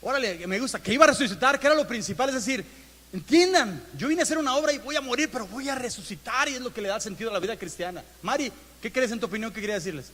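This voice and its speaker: Preaching to his congregation in a church auditorium, a Mexican pastor gives an interactive sermon, posing questions and acting out everyday inner dialogue in a conversational style. He speaks in a very high, expressive, bright, forceful voice at a rapid-fire pace, with long church hall reverb on the recording.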